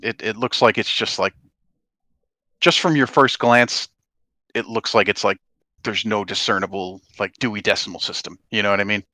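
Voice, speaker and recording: A man's voice: fairly low pitch, fairly even intonation, moderate pace, sharp tone, no echo. Casual man running a game, dry close sound. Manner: informal, explanatory, hedging with "like". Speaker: game master. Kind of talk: casual tabletop game narration.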